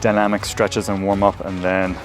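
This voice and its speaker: A man's voice: lowish voice, steady tone, measured pace. A man chatting casually and informally as he vlogs a run, thinking aloud in an upbeat way. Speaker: vlogger, trail ultra runner. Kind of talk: casual vlog chat. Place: mostly outdoors. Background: music.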